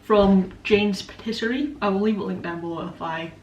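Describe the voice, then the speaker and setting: A young Scottish vlogger in her twenties bakes in her home kitchen, chatting casually in a rambling, self-deprecating way full of ums and likes. Her medium-pitched, slightly mellow voice moves at normal speed but sounds far off and muffled, captured off-mic by a camera set up away from her in an echoey kitchen with slight background noise.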